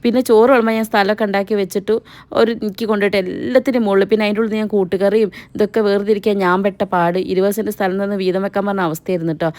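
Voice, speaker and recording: A woman's voice: mid-range voice, steady tone, racing, darkish tone, dry recording. A young woman, narrating a family wedding vlog in a chatty, teasing voice-over that speaks straight to viewers. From Kerala. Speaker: family vlogger. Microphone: voice-over mic.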